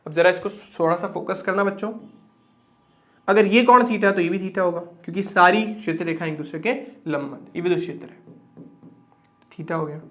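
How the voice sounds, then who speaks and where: A man's voice: high voice, moderate pace, a bit bright. A young man teaching a physics lesson at a board, chatty, asking and answering his own questions and repeating words for emphasis.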